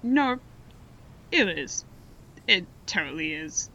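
A man playing a gentle, candid young college friend in an audio drama, plain-spoken and conversational. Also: sits high, sing-song, slow pace, vocal fry, muffled recording, exaggerated voice. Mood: insistent. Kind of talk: naturalistic audio drama acting.

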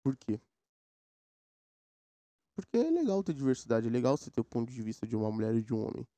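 A man's voice: mid-range voice, sing-song, fast talker, warm tone, no echo. A man, hosting a casual solo podcast and rambling in slang from topic to topic. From São Paulo, Brazil. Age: 20s. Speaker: podcast host. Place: home setup with a mechanical keyboard. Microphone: recorded through a sound card.

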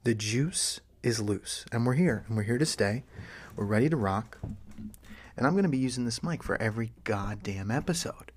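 A man hosting a casual solo podcast, playful and mock-sultry, talking close into the microphone right in the listener's ear and often dropping to a breathy whisper. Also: medium pitch, animated, a little fast, a little hiss or hum. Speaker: podcast host. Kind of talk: casual chat podcast monologue.

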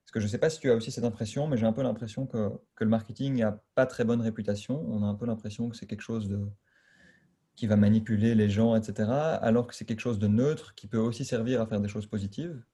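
A man hosting a podcast, introducing the episode and questioning his guest in a brisk, informal way. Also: on the low side, fairly even intonation, mellow, husky. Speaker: podcast host.

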